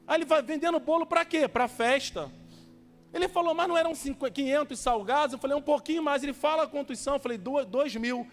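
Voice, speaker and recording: A man's voice: very high voice, brisk, long reverb tail, faint music behind. A man preaching as a pastor, telling stories with acted-out dialogue and urging his listeners on. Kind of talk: sermon.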